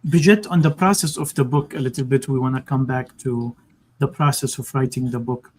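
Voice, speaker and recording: A man interviewing an author, asking questions hesitantly with many pauses and restarts. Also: medium pitch, steady tone, darkish tone, slight background noise.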